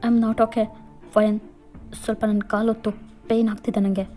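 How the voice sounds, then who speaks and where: A woman's voice: medium pitch, flat delivery, normal speed, mellow, faint music behind, lightly acted. A woman voicing a young man who is hurt and irritable, snapping orders and scolding in a fan-fiction voice-over. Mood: gruff, bossy. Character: gruff injured young man, bossy and irritable.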